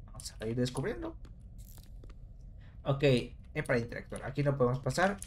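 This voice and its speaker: Male gamer, relaxed let's-play chatter, mid pitch, faint hiss behind. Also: normal speed. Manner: casual, talks to viewers while puzzling aloud. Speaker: gameplay commentator.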